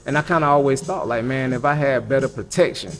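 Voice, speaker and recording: A man's voice: mid-range voice, fast talker. A man telling his own story in a candid, reflective chat, often acting out what others said. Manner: candid, slangy, reflective, tells in quoted dialogue.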